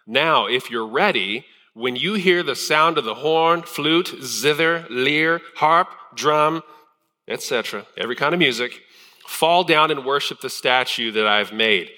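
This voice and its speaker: A man's voice: medium pitch, animated, a little slow, bright, forceful tone. A man voicing a furious ancient king who demands worship and threatens punishment, heard with the long reverb of a church hall. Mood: threatening.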